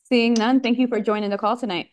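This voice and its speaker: A woman's voice: on the high side, steady tone, fast talker. Woman moderating a public meeting.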